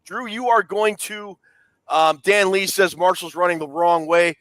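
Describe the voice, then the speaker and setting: A man hosts a casual sports talk show with a voice that sits a little high. The sound is dry and close. He steers the chat and needles his co-hosts with pointed questions. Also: fairly even intonation, a little slow, a bit bright, dry recording. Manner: leads the discussion, teasing and quizzing co-hosts. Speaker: podcast co-host.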